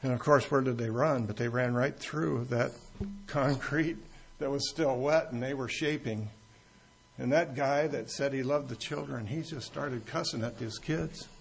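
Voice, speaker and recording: Telling stories and joking with his congregation, a pastor delivers a conversational teaching sermon in a church, an expository sermon with anecdotes. He has a gravelly, medium-pitched voice at a measured pace, with slight background noise.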